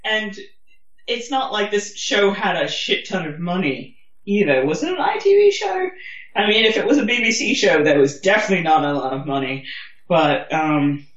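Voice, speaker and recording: A podcast co-host reviews a TV episode in a casual chat, opinionated and wry, swearing freely. The voice is mid-range, animated and a bit bright at a normal speed, though the recording sounds roomy, distant and dull.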